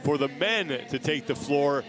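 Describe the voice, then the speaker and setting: A man giving live play-by-play commentary who calls the action and rises to shouts on big lifts. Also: a little high, unhurried, a crowd in the background.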